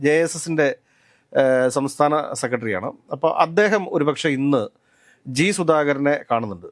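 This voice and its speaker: A man's voice: a little high, normal speed, no room sound, clean studio sound. A man co-hosting a political discussion, arguing his points casually and firing off pointed rhetorical questions.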